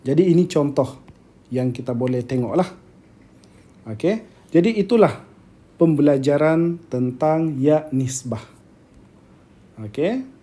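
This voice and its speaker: In a lecture, a man with a Malaysian accent teaches grammar at a slow pace, repeating the key terms and often checking that his students are following. His voice sits a little high and has a dark tone.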